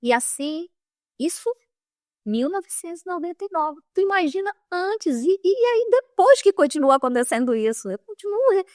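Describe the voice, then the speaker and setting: A woman's voice: very high-pitched, very animated, normal speed, no echo, clean studio sound. A middle-aged woman from Manaus, Brazil, with a Northern Brazilian accent, giving an emotional personal testimony with many restarts. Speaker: interviewee.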